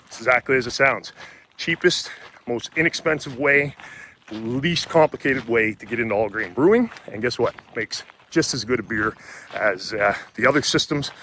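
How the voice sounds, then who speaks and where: A man's voice: medium pitch, normal speed, sharp tone, a little hiss or hum. A man who runs a brew pub, talking casually and bluntly while walking and breathing hard, with loose rambling restarts and some swearing. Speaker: homebrewing vlogger and brew pub owner.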